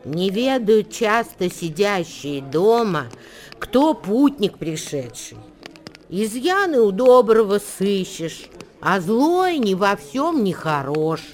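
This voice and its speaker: In a radio play, an actress voices a solemn woman reciting ancient wisdom verse, with a measured, declamatory delivery. Her medium-pitched voice swings widely in pitch, the mood solemn and instructive, with music in the background.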